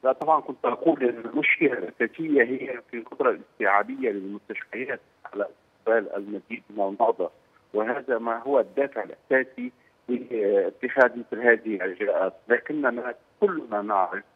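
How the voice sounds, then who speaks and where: A male political analyst calling in to a news program on a bad phone line, speaking hesitantly and pausing to search for words. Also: mid-range voice. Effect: poor-quality phone line. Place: Beirut, by phone. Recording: tinny, husky phone line.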